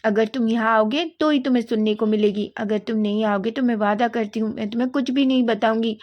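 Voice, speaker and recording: A woman voicing a loud, bossy older sister-in-law who scolds and shouts. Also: fairly high pitch, fairly even intonation, brisk, lo-fi sound, lightly acted.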